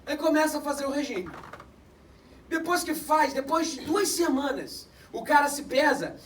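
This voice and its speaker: A middle-aged Brazilian man with a Rio accent preaches a sermon in a high, carrying voice. He shouts some lines and drops low for asides. The sound is roomy and distant, with faint ambience behind it. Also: animated, moderate pace, a little hiss or hum. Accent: Brazilian Portuguese, Rio de Janeiro. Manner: swings from loud emphatic preaching to low quiet asides. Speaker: pastor. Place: church service held in a cinema hall. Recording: echoey hall, voice from a distance.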